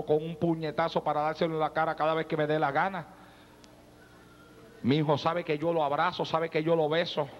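A man's voice: fairly high pitch, big-room sound. A man in his forties preaching a fervent sermon, questioning the congregation directly and breaking into tongues. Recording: dull lo-fi recording.

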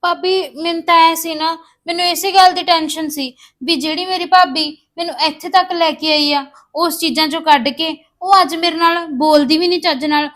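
An actress playing a young sister-in-law who pleads and defends herself. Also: female voice, extremely high pitch, steady tone, normal speed, few pauses, fairly bright tone. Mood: pleading.

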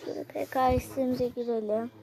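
A woman's voice: sits high, fairly even intonation, a little fast, creaky, warm tone. A woman giving casual gameplay commentary indoors, chatty and talking straight to her viewers. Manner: chatty, addresses viewers as "arkadaşlar" often. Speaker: gaming vlogger. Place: indoors at someone else's home.

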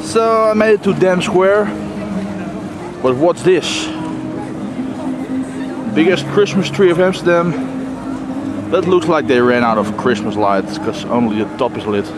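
Animated and on the high side, a vlogger speaks at a measured pace and pauses often while wryly commenting on his surroundings in casual fashion. He films with a handheld camera outdoors on busy city streets, with clear traffic and street sounds in the recording.

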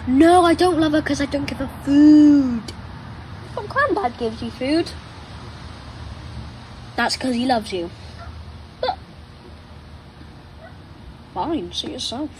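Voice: high voice, expressive, slow, pauses often, darkish tone. A nine-year-old child chatting casually and playfully to a pet dog, rambling affectionately, recorded outdoors. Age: child, nine years old. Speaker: young vlogger talking to a pet dog. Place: outdoors on a patio chair. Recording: noisy outdoor ambience.

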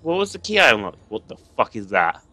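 A man's voice: mid-range voice, sing-song, fast, bright, forceful tone, dry recording. A young man, nervously commenting and swearing while playing a horror game for viewers. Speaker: gaming video host.

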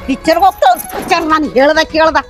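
A woman's voice: high voice, rapid-fire, faint music behind, close to an everyday voice. A woman with a North Karnataka accent playing a harsh, scolding stepmother-in-law in a village family drama skit. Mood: scornful. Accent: North Karnataka Kannada. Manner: taunting, scolding.

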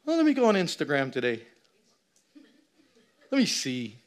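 A man in his thirties preaching a lively sermon on a church stage, swinging from shouts to low asides and acting out little scenes. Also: moderate pace. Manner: animated preaching, shifting between loud shouts and low asides. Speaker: pastor. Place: church stage with a seated audience.

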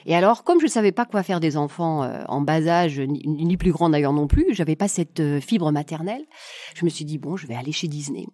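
A woman's voice: low voice, lively intonation, moderate pace, mellow, dry recording. A woman in her fifties, a native German speaker with a German accent, telling her story casually and with informal humour as an interview guest. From southwest Germany. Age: 50s. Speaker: podcast guest, coach.

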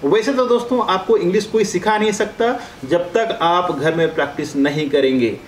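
A man's voice: high-pitched, moderate pace, reverberant, a little hiss or hum, poor audio. A man from India working as a career coach, giving a step-by-step English lesson and drawing out vowel sounds as he explains. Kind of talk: classroom-style lesson.

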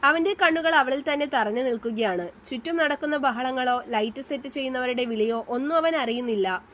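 A woman reads a romance story aloud in a measured, even way, her voice pitched high. A faint hiss sits under the reading. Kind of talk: scripted story narration.

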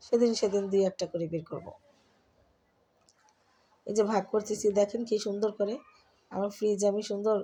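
A woman's voice: medium pitch, a little mellow. Bangladeshi woman chatting through her chores. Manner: chatty, talks to viewers while doing chores. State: has a cold, speaks softly. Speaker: vlogger. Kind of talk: casual cooking and home vlog narration. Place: home kitchen.

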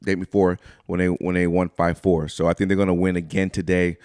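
A man's voice: deep voice, level tone, brisk, a little mellow, no room sound, studio quality. A man co-hosting a casual sports podcast, talking straight to his listeners with hyped-up energy. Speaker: podcast co-host. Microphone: studio microphone.

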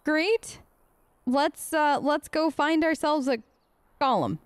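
A woman hosting a let's play offers casual, improvised role-play commentary in a conversational, hesitant manner, often asking questions. Her voice is high and her pace slow.

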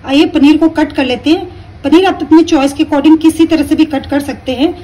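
A woman calmly explaining each step of a recipe while she cooks at her stove at home. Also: sits high, normal speed, recorded from a distance, poor audio. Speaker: home cooking teacher. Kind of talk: step-by-step cooking instruction.

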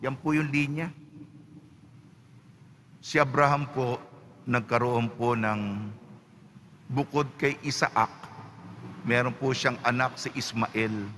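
A man's voice: medium pitch, fairly even intonation, slow pace, pauses often, fairly bright tone, a little hiss or hum. A man with a Filipino accent, a priest, reading the gospel and preaching a homily in a solemn, emphatic way. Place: large church. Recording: echoey church with long reverb.

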